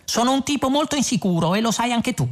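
A man's voice: extremely high pitch, expressive, quick pace, voice pushed up. A man playing Zaphod, a vain, scatterbrained galactic rogue. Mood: boastful. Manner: boastful, feigning dimness. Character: vain, scatterbrained two-headed male galactic president.

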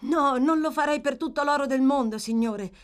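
A woman's voice: high-pitched, moderate pace, voice pushed up, natural voice. A woman reading an audiobook, voicing a polite, eager young boy bringing good news.

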